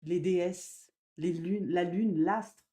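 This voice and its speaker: Gentle woman with a mellow voice. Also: fairly low pitch, fairly even intonation. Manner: gentle, slow, with sudden loud emphasis and soft drops. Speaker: spiritual medium. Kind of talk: spiritual live talk.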